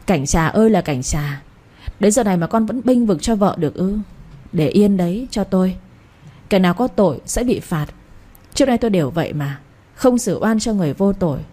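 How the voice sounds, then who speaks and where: An old family matriarch, stern and used to being obeyed, as a woman narrator puts her on. She scolds and gives orders in a mellow, breathy tone. It sounds like a read-aloud audio story. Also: mid-range voice, expressive, a little fast, close to an everyday voice. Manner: commanding, scolding.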